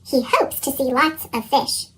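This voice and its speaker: A narrator with a squeaky cartoon chipmunk voice effect reads a children's story in a lively way. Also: low-quality recording. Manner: slow, lively reading. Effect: pitched-up chipmunk voice effect. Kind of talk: scripted children's story read-aloud.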